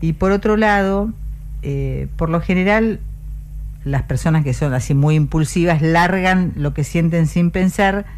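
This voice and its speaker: An interviewer from Argentina asks a question in a measured way, searching for words. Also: medium pitch, a little mellow.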